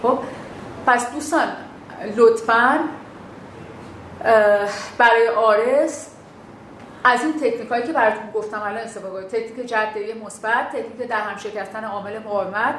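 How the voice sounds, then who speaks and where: A woman's voice: a little high, fairly bright tone. Woman teaching a class, informal, acts out sample lines, echoey room, faint background noise. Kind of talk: class lecture.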